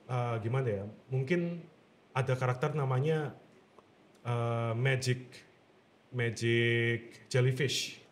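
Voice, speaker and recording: A man, a guest voice actor, explaining calmly and patiently in a casual chat. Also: medium pitch, slow, a little hiss or hum. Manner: calm, explanatory.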